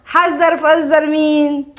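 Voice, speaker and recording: A woman's voice: high-pitched, little pitch movement, slow. An actress playing a smug young woman who gloats over marrying her best friend's husband, with an Egyptian accent. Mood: gloating. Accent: Egyptian Arabic. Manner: mocking, gloating.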